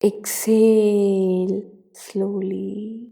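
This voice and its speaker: A woman's flat, gravelly, dark-toned mid-range voice carries a guided meditation. She keeps it soothing and deliberate, separating her short phrases with long pauses.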